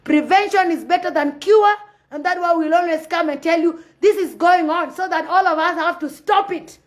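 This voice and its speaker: A woman's voice: very high voice, normal speed. A woman from Sudan, giving passionate, preachy commentary on a live phone video and repeating her points. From South Sudan. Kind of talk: impassioned live-stream commentary.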